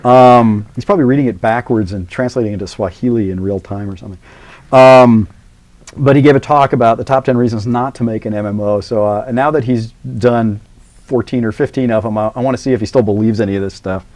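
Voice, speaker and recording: In a university classroom, a middle-aged man gives a live, meandering introduction for a guest, filling it with filler words and self-mocking comments. He speaks a little fast in a mid-range, slightly mellow voice.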